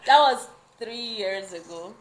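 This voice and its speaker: A young woman telling a story in casual chat, animated and laughing often. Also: mid-range voice, unhurried, echoey room, noisy background. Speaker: vlogger.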